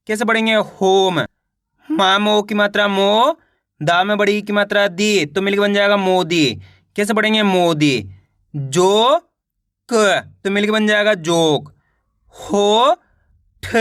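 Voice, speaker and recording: A man teaching children to read Hindi, sounding out syllables slowly and repeating each word as a question and answer. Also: high-pitched, a bit bright, smooth, dry recording, studio quality. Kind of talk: step-by-step reading lesson.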